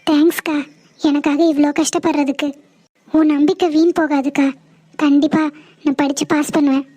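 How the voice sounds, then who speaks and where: A sweet, studious young village girl in a cartoon drama, voiced by a woman, with a very high voice. She speaks softly, earnestly and respectfully. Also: level tone, moderate pace, natural voice. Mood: grateful. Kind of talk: animated cartoon voice acting.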